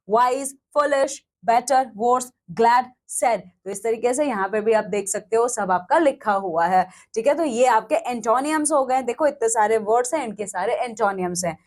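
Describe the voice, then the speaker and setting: High-pitched woman teacher reading vocabulary lists aloud, Hindi-English mix, slow on English lines. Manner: mixes Hindi with English, reads word lists aloud, slows down for English sentences. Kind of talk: classroom lesson explaining vocabulary.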